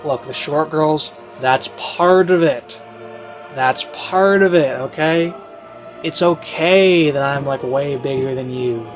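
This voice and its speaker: On the high side and slow-paced, a male video reviewer rambles through a casual, unscripted review, repeating phrases for emphasis. Baroque classical music plays behind his voice.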